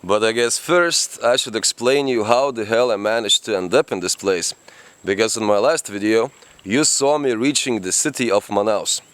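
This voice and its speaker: A man's voice: fairly low pitch, moderate pace, a bit bright, clear, resonant tone, no echo. A man narrating a travel vlog in a chatty way, with slightly non-native phrasing. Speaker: travel vlogger. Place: outdoors in the rainforest.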